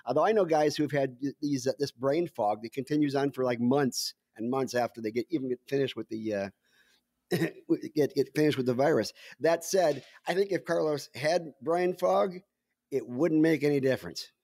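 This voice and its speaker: A man's voice: mid-range voice, normal speed, darkish tone, no echo, clean studio sound. A man co-hosting a podcast as a scientist, wry and explanatory in casual chat over a video call. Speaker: scientist co-host.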